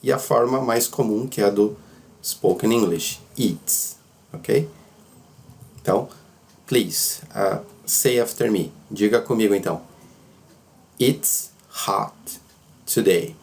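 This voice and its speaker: Slow, gravelly-voiced male teacher. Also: lowish voice, darkish tone. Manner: patient, repeats phrases slowly for learners to copy. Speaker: English teacher. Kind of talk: slow explanatory language lesson.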